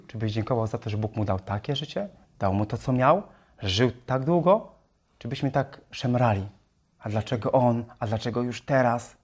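A man's voice: mid-range voice, darkish tone. A man preaching a sermon, firing rhetorical questions at his congregation. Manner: self-described talker.

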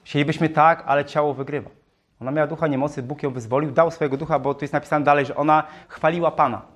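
A man's voice: on the high side, steady tone, fast talker. A man preaching a sermon, reading Bible verses aloud and explaining them, often asking his listeners questions and repeating phrases.

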